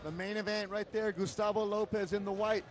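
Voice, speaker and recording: High-pitched, emphatic male fight commentator. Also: fairly even intonation, a little fast. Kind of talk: live MMA commentary. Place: live fight event.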